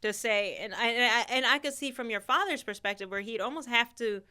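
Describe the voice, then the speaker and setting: Bright clear-voiced woman hosting. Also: on the high side, a little fast. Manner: engaged, frequent affirming backchannels. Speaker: host. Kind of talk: casual interview.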